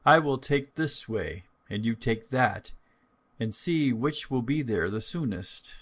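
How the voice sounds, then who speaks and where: Man acting big male wolf, gruff, cunning, coaxing, falsely gentle, lively swooping pitch, storybook. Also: slow pace, heavily acted. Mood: sly. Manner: coaxing, feigning feebleness.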